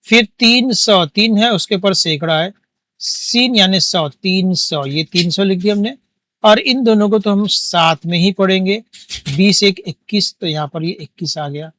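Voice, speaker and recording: Male teacher, high voice, patient counting-aloud lesson delivery. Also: a little slow, a bit bright. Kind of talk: classroom maths lesson.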